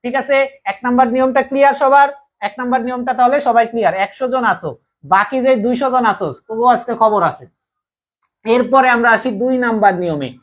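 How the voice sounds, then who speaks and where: A woman's voice: a little high, fast. Woman teacher drilling call-and-answer. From Bangladesh. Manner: drills students with repeated call-and-answer questions. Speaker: online Bangla grammar teacher. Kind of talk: live online class lesson.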